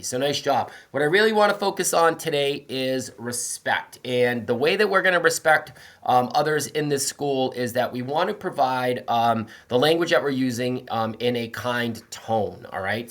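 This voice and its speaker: An upbeat man leads the morning announcements at an elementary school. He speaks to the children in an encouraging, cheerful tone and drops in the odd um. His voice sits at a moderate, middle pitch. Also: a bit bright. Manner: encouraging, cheerful, with frequent ums and rising cheers.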